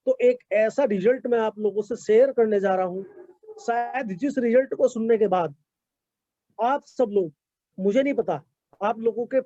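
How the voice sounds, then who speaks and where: A man's voice: high voice, moderate pace, dark tone, dry recording. A man giving product testimonials in an online meeting, talking politely with many fillers and frequent "sir". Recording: dull lo-fi call audio.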